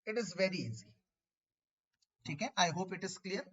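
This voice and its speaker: A man's voice: sits high, animated, extremely slow, a bit bright, slightly rough, muffled recording. A man teaching a chemistry class online, explaining step by step and repeating key terms, asking his students questions. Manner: addresses students as beta, asks them questions.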